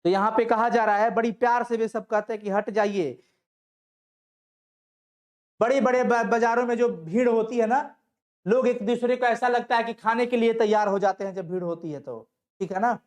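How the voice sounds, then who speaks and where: A man's voice: very high-pitched, steady tone, fairly quick. A young man teaching a Hindi story in an online class, repeating his own questions and answering them, reassuring students as he goes. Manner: reassuring, coaxing students to listen.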